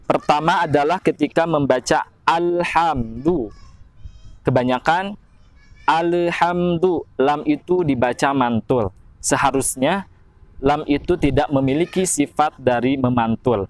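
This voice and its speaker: An Indonesian man teaching recitation rules, slowly chanting example verses between plain explanations. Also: a little high, no room sound. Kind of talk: tajwid lesson with slow recited examples.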